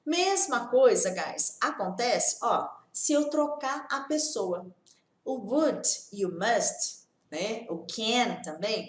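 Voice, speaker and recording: A woman teaches an English lesson, explaining patiently, checking in with short questions and repeating example sentences slowly. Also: on the high side. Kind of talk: English lesson for Portuguese speakers. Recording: echoey room.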